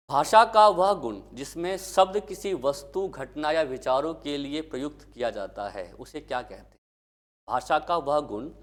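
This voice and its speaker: A male teacher giving an exam-prep lecture, asking questions and answering them himself. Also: mid-range voice. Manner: asks questions and answers them himself, addresses students as kids.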